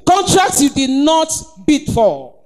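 Nigerian woman preacher, high-pitched, emphatic and exhorting. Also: huge pitch swings, takes it slowly, darkish tone. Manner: emphatic, exhorting, calls of praise. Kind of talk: sermon.

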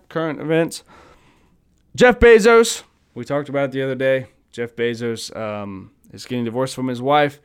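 A man hosting his own podcast, ranting in a casual, profane, rambling monologue. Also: mid-range voice. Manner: profane, rambling, mock-stammers people he imitates. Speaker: podcast host. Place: home recording, seated at phone.

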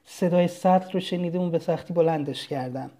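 A storyteller reading a children's story aloud in a calm, even first-person telling. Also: mid-range voice. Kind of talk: storybook narration.

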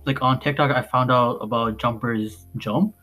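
A man's voice: mid-range voice, fairly even intonation, moderate pace, pushed and bright. A man in his twenties, co-hosting a casual podcast, laid-back and joking. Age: 20s. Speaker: podcast co-host. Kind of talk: casual chat.

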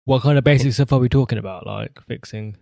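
A young man chatting casually on a podcast, agreeable and quick to go along with the others. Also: medium pitch, creaky, darkish tone, no echo. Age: young adult. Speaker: podcast co-host. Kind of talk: casual chat.

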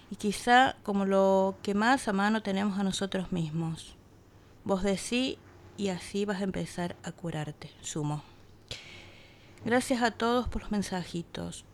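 A woman's voice: mid-range voice, a little slow, a little hiss or hum. Earnest woman reading a reflection. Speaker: radio contributor. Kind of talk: reading her own reflective text.

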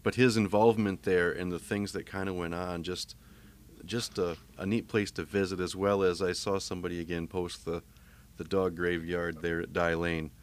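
Casting: very low-voiced man, laid-back podcast host, casual interview chat. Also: normal speed. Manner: relaxed, easygoing, many restarts.

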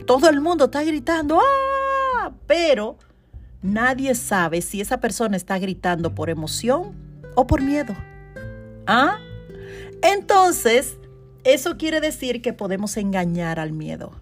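Woman, 40s, podcast coach, animated, laughs often, faint guitar music behind. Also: fairly high pitch, unhurried. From Dominican Republic. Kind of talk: motivational podcast monologue.

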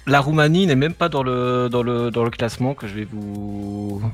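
A man's voice: mid-range voice, steady tone, moderate pace, faint music behind. A man co-hosting a radio show in casual chat, hesitant and searching for his words. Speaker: radio co-host presenting music picks.

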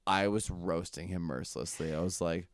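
A young man telling a story on a podcast, animated and laughing, swearing often. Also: low voice, moderate pace, no echo, studio quality. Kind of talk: casual storytelling.

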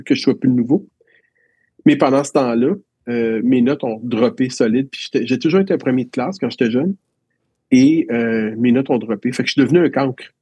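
Reflecting on how he was schooled, a teacher with a Quebec French accent tells stories in a relaxed interview, frequently starting his sentences over. His voice is mid-range, mellow and husky, captured in a dry recording.

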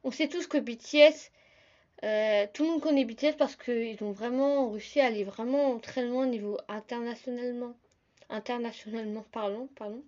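A young woman hosting a casual solo podcast, talking fast and chatty, often calling her listeners "the guys". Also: a little high, fairly even intonation, a little mellow, muffled recording. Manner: fast, chatty, addresses listeners as "les gars". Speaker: podcast host.

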